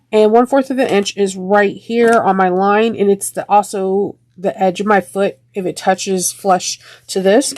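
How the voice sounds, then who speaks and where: This sewing tutorial host chats her way through every step, frequently saying um and starting over. A sinus infection makes her darkish-toned voice a bit deeper and congested.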